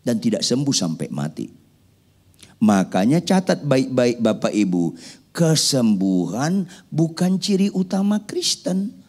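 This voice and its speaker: A man's voice: medium pitch, big pitch swings, unhurried, a little mellow. A man preaching as a pastor in a church, asking the congregation questions and urging them to answer. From Indonesia. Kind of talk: sermon.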